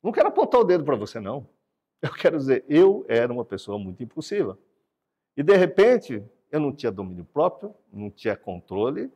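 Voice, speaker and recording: Guy preaching about brain and god, swings his voice up and down a lot, kinda husky, big hall echo. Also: mid-range voice, fairly quick, muffled recording. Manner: animated, explanatory, repeats words for emphasis. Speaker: speaker teaching brain science and faith. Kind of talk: sermon-like talk with a drawing.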